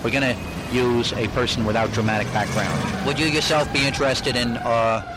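A man earnestly pitching a fake film role to a stranger on a city street, heard on an old archival radio recording. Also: steady tone, moderate pace. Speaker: radio prankster posing as a filmmaker. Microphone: handheld microphone. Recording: noisy early 1960s street recording. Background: street traffic.

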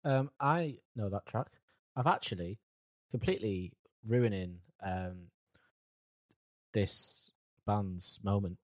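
A man's voice: fairly low pitch, slow pace, a little mellow, no room sound. A man co-hosting a music podcast, hesitant and rambling, with dry quips. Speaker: podcast co-host reviewing music. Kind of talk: casual chat.

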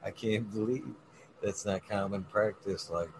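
A man's voice: fairly low pitch, steady tone, unhurried, a little mellow, a little hiss or hum, rough recording. A man chatting casually in a rambling, coarse, slangy way, swearing freely.

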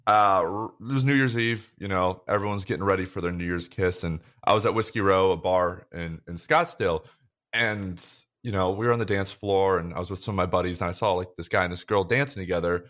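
A man's voice: low voice, a little fast, a bit bright. A man on a podcast telling a story in a laid-back, casual chat. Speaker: podcast co-host.

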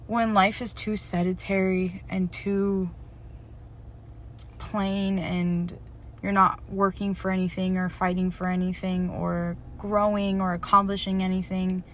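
A young woman with a lowish voice vlogs like she's writing in a diary, candid, emotional, and reflective, rambling with many fillers and self-corrections. Slight background noise is present.

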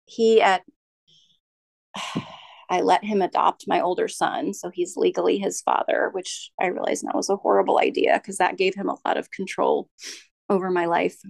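A middle-aged woman, a podcast guest, telling her story candidly in a halting way, with many restarts and pauses. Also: on the low side, little pitch movement, creaky, darkish tone, no echo. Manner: halting, with frequent restarts and ums.

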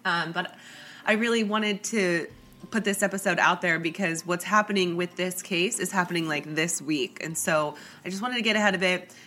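A young woman hosting a true crime podcast sounds congested with a cold as she chats away, full of likes and ums. Her voice is on the low side with a sharp tone and a moderate pace, and there's a little hiss or hum in the audio.

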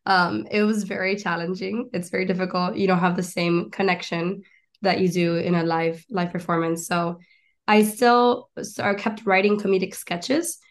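A woman's voice: lowish voice, steady tone, normal speed. A woman in her twenties from Miami and Argentina, a comedian talking as a guest in a casual interview, chatty and enthusiastic, running through long lists. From Miami, Florida and Argentina.

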